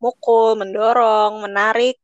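A woman co-hosting a podcast in a casual chat, talking in a blunt, slangy, animated way. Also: fairly high pitch, a little slow, clean tone, dry recording, muffled recording. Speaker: podcast co-host.

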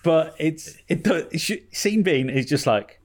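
Wry British man, slightly high voice. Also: lively intonation, a little slow. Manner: chatty, wry, sweary storyteller. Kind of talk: casual chat.

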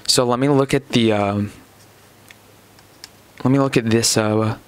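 A man's voice: medium pitch, steady tone, a little slow, clean tone. A man hosting a podcast, commenting casually and reading out items. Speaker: podcast host.

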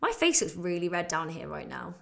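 A fitness instructor talking from under a table on the floor while holding a plank, chatty and self-mocking. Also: female voice, lowish voice, sing-song, brisk, vocal fry. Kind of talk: live online exercise class.

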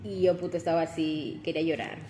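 A woman's voice: sits low, flat delivery, quick pace, warm tone, slight background noise. Young woman, podcast co-host, casual gossip storyteller, chatty and giggly. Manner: chatty, laughs often, rambling with restarts.

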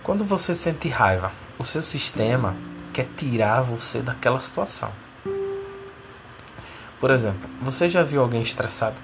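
Male teacher, methodical and repetitive, mid pitch. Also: expressive, normal speed, over music. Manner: repeats key words, checks in with "tá?". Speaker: teacher of a spiritual course. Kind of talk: didactic explanation.

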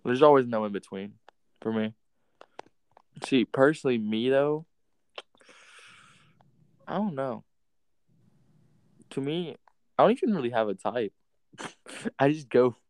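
A man's voice: mid-range voice, lively intonation, unhurried, long pauses, smooth, dry recording, low-quality recording. A man hosting a casual podcast chat, rambling in a laid-back way and saying "bro" and "like" a lot. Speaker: podcast host.

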